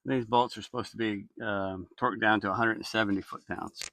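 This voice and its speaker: A DIY mechanic with a low, sharp-toned voice explains a repair in a folksy, plainspoken way as he works, talking fairly quickly with fairly even intonation. There's no echo, but clicks and work noise are clearly audible behind him.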